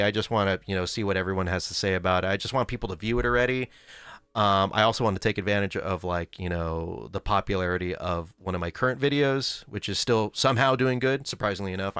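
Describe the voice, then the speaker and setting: A man's voice: fairly low pitch, fast talker, a bit bright, smooth, dry recording. Rambling man on a livestream. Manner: rambling, self-correcting, laughs often. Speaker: livestream host. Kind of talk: casual stream chat. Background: faint background music.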